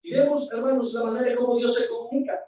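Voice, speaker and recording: A man's voice: very high voice, steady tone, quick pace, mellow, a little hiss or hum. A man preaching a Sunday sermon with emphatic, repetitive delivery, often calling his listeners brothers. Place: church sanctuary. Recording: echoey distant lo-fi church recording.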